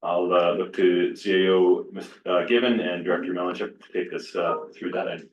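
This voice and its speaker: A deep-voiced man chairs a formal meeting in a halting, hesitant way. He is picked up from a distance in an echoey room, and the sound is somewhat dull. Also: level tone, slight background noise. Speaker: deputy mayor chairing a council meeting. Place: indoor council chamber.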